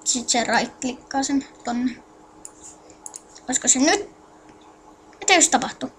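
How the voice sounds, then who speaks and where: A woman's voice: sits high, animated, a bit bright, slight background noise. A woman giving a casual screen-recorded game tutorial, addressing viewers with instructions while muttering to herself as she clicks around. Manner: mutters to self while clicking, halting and distracted. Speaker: tutorial maker.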